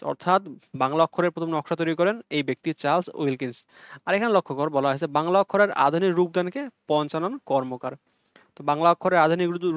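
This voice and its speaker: Fast-talking male tutor. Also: fairly high pitch, clean tone, no room sound. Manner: explains step by step, repeating key points and checking understanding. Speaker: teacher. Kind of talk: exam-prep Bangla lesson. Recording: dull lo-fi audio.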